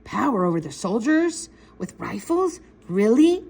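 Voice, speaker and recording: A woman's voice: fairly high pitch, a little slow, exaggerated voice. Woman doing an eager little boy in a storybook. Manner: wide-eyed, excitable questions. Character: eager curious little Japanese American boy.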